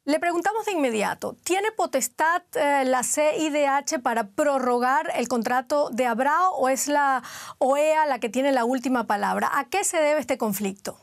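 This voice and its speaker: A woman news host with a crisp, formal presenter's delivery. Her voice sits slightly high for a woman. The studio sound is close and dry, with no room echo. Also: moderate pace. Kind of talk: scripted news interview.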